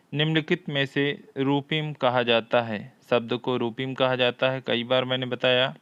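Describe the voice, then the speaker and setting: A man teaching a Hindi exam-prep lesson, reading each question aloud, often twice, and explaining the answer deliberately. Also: mid-range voice, fairly bright tone, smooth, no echo, muffled recording.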